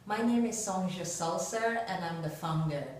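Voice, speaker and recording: A woman's voice: fairly low pitch, moderate pace, a little mellow, a little hiss or hum. A woman hosting an interview, upbeat and encouraging as she introduces her guest and asks questions. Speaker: interview host. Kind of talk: hosted interview. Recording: echoey room, distant mic.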